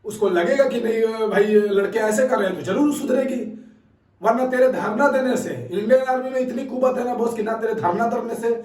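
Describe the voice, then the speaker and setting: A fitness academy coach and channel host shares his opinions with viewers in casual talk, emphatic and repetitive, constantly checking in with a questioning "haan?". His voice is very high and a little mellow at a moderate pace. He sits back from a distant mic, so the sound has a roomy echo.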